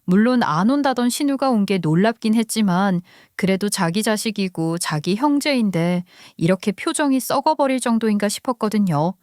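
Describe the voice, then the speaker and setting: A woman's voice: mid-range voice, lively intonation, moderate pace, hardly any pauses, darkish tone, dry recording, studio quality. A woman narrating a first-person story in a conversational, confiding way.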